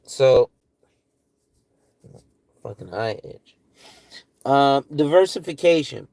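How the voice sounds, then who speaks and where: Slow and expressive, with vocal fry and a slightly mellow, mid-range voice, a tired forty-something financial advisor works through money tips in a dry recording with no room sound. He's loose and profane, regularly checking in with "right?".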